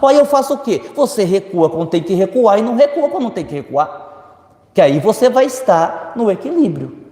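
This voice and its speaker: A man's voice: high voice, brisk. A man with a Brazilian accent giving a spiritist lecture, answering audience questions and acting out the quoted voices of others. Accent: Brazilian Portuguese. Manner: lively, acts out quoted voices, speaks to the audience directly. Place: lecture hall. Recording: echoey hall reverb.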